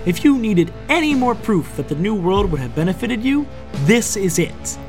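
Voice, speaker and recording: A man narrating a story voices a sadistic female witch, high and drawn-out with mocking, taunting delivery. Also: very animated, a little mellow, soft background music. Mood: furious taunting.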